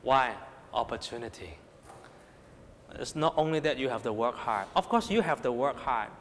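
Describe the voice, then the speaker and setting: A man with a Hong Kong Cantonese accent gives an emphatic sermon to young people in a medium-pitched, expressive voice at a moderate pace. He often raises and drops his voice while asking rhetorical questions and repeatedly checking in with listeners. Long hall reverb and a little hiss or hum are audible.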